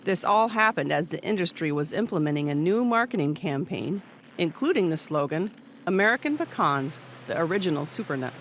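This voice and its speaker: A reporter reading scripted news narration in a steady, measured way. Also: medium pitch, slight background noise.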